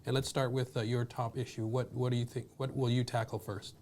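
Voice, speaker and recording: A man from Guam hosting a candidate interview in a relaxed manner, laughing easily with his guests. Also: medium pitch, brisk. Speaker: host.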